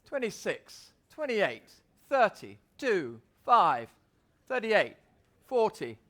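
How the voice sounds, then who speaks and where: A man's voice: high voice, sing-song, slow pace, bright, forceful tone. A man working as an auctioneer, calling bids at a live art sale, repeating figures and addressing bidders directly. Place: auction saleroom.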